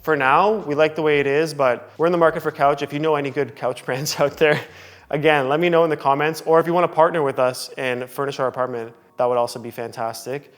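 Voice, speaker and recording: A young man, casually talking through a tour of his loft apartment in a relaxed way, with lots of filler words. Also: a little high, fast talker. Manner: chatty, relaxed, full of "like" and "um" fillers. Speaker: vlogger giving a home tour. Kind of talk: casual home tour talk. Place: large loft apartment indoors.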